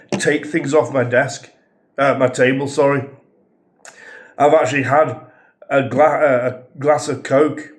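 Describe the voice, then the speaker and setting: A man vlogging a holiday review, ranting with exasperation, swearing and sarcasm. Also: medium pitch. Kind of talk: angry ranting travel diary.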